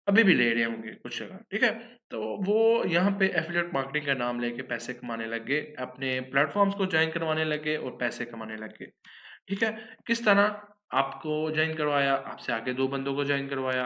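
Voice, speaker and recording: Guy explaining stuff casually, bright voice, keeps going "okay?". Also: medium pitch. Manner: conversational, keeps checking in with listeners. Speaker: online scams explainer.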